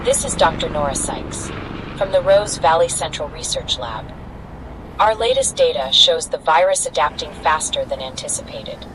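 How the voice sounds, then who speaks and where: A woman's voice: sits low, moderate pace, background noise, lightly acted. An actress playing a grave, authoritative woman urgently warning survivors in a post-apocalyptic radio broadcast. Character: commanding female captain or scientist warning survivors by radio.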